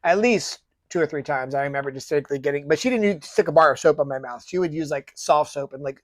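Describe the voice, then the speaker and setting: A man's voice: fairly high pitch, quick pace, no room sound, studio quality. Chatty laughing man in his forties. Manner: chatty, laughs often, many "like" fillers. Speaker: podcast co-host, father. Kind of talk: casual chat.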